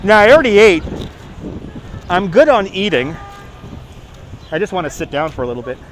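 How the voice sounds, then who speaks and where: A man's voice: sits high, big pitch swings, moderate pace, rough recording. A middle-aged man with a Brooklyn accent hosting a casual walking live stream outdoors in the city, chatting and repeating himself. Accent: Brooklyn, New York. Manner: chatty, reading and answering viewers aloud, repeats himself. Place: outdoors on busy Manhattan streets. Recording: street noise, outdoor city ambience.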